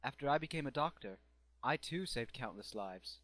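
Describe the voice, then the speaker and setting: A man's voice: mid-range voice, expressive, moderate pace, a bit bright, no room sound, lightly acted. A man playing a grieving, obsessed doctor turned necromancer in a theatrical, brooding anime fandub monologue. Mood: solemn, intense.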